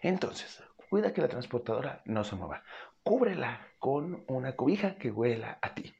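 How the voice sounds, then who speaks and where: A man's voice: medium pitch, big pitch swings, moderate pace, creaky, darkish tone, lo-fi sound. A man, hosting a cat care podcast in a casual, practical way and speaking straight to the listener. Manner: friendly, practical, addresses the listener directly. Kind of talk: casual instructional talk.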